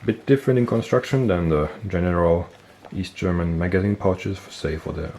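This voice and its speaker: A military gear collector and video host with a deep, gravelly voice and a stuffy nose talks through a piece of gear on camera in a casual show-and-tell. He's relaxed and unhurried, thinking aloud, trailing off and correcting himself, over a faint background hiss.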